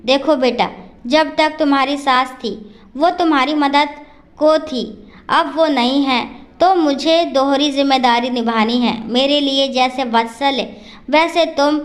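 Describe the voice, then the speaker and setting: Storybook father-in-law, widowed and caring, read by a woman narrator, high-pitched, affectionate. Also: measured pace. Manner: affectionate, reassuring.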